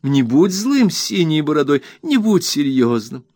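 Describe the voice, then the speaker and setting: Male reader doing a petulant girl-wife: high, whiny, coaxing, very lively pitch. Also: a little slow, dry recording, studio quality. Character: young wife, childish, pouting and petulant.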